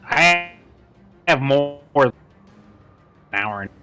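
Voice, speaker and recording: A man's voice: mid-range voice, lively intonation, very slow, sharp tone, faint music behind. Swearing man running a tabletop game. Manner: casual, swears freely, narrates combat results. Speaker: game master. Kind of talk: narrating a tabletop game over a voice call. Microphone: online voice call mic.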